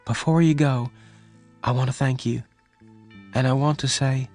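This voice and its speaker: A man voicing a gentle, anxious, devoted young woman of the frontier in an audiobook story, with soft, earnest emotion. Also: medium pitch, steady tone, unhurried, faint music behind, voice pushed up. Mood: tender, earnest.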